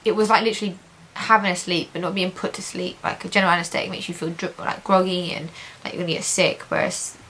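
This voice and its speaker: A woman's voice: on the low side, little pitch movement, quick pace, hardly any pauses, fairly bright tone, poor audio. A woman giving a casual video diary update, chatty and positive in an informal, conversational way. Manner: chatty, repeats intensifiers, positive and reassured. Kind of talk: casual chat to camera. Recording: hissy home recording.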